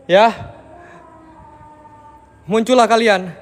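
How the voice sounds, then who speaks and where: A man's voice: high voice, drawn-out words. Jumpy man exploring a building at night. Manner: jumpy, mutters prayers, slangy. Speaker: ghost-hunting vlogger. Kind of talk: casual ghost-hunting vlog. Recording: faint background noise.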